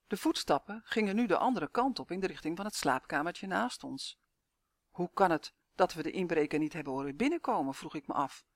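Calm, dry storyteller reading aloud. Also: medium pitch, dry recording. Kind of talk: scripted first-person narration.

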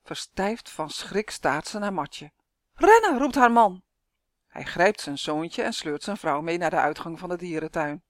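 A woman reading a children's story aloud, lively and acting out the characters. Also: low-pitched, normal speed, no room sound, clean studio sound.

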